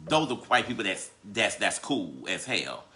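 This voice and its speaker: A man's voice: on the low side, very animated, normal speed, bright, forceful tone. A man in his thirties hosting a live podcast, ranting heatedly with lots of profanity and laughter. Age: 30s. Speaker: podcast host.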